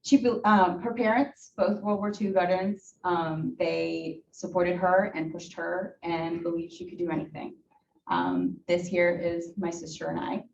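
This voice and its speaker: A Ukrainian woman in her thirties, a native Russian speaker, gives a personal talk to a club as a guest speaker, full of fillers and restarts. Her voice is gravelly and fairly low with fairly even intonation, and she speaks a little slowly. The recording is dull and echoey, taken from a distance in a room, with a little hiss or hum.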